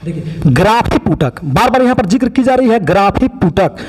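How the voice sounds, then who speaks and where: A man's voice: very high-pitched, animated, fairly quick, husky, big-room sound. A man teaching biology, pointing out other teachers' mistakes in a critical, explaining way. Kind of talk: online lesson commentary.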